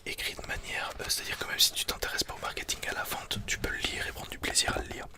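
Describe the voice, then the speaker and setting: Hushed library whisper, fully unvoiced, casual ASMR book review, explanatory, close-miked. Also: fast talker. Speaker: ASMR video creator.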